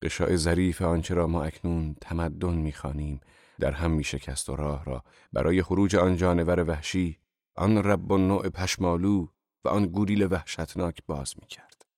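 A man narrating a literary audiobook in a measured way. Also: low voice, fairly even intonation, darkish tone, no room sound, studio quality.

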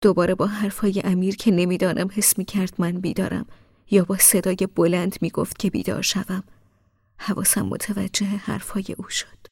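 A woman reads a first-person story in a hushed voice that almost drops to a whisper. Her tone is husky and breathy. The recording is dry and close to the mic. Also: medium pitch, level tone, no echo. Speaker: audiobook narrator.

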